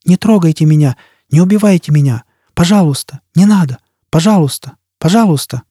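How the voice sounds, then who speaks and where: A woman's voice: low voice, fairly even intonation, slow pace, mellow, no echo, studio quality. A man voicing a terrified woman who shrieks and pleads for her life in an audiobook. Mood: terrified pleading.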